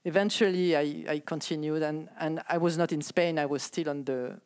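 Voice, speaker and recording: As a podcast guest, a sixty-something Frenchwoman shares her life story in casual conversation, her French accent audible. Her low voice keeps a steady tone at a moderate pace, soft and hesitant, with frequent little laughs.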